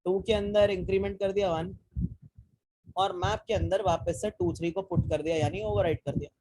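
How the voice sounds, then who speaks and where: A young man runs a live online coding class as a programming teacher, walking students through code step by step, quizzing them, and mixing English technical terms into casual Hindi. His voice is high-pitched, warm and slightly rough, with a steady tone and moderate pace. The recording is rough.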